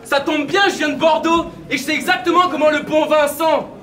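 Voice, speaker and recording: A man performs a cappella battle rap at a live event, delivering brash, mocking punchlines in an extremely high-pitched, sharp voice with fairly even intonation and a slightly fast pace. The echoey venue is picked up by a distant mic, with crowd noise, reactions and laughter.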